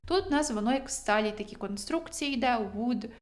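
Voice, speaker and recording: A young adult woman, a native Ukrainian speaker, teaching English vocabulary in a chatty, self-deprecating way and reading her English examples slowly. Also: fairly high pitch, lively intonation. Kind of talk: vocabulary lesson.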